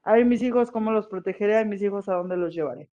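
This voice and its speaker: A weeping mother goddess who mourns her lost children in a slow, drawn-out wail, as a teacher puts her on for a class. The sound is dull and lo-fi, like audio from an online lesson. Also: medium pitch, mellow, close to an everyday voice. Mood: mournful lament.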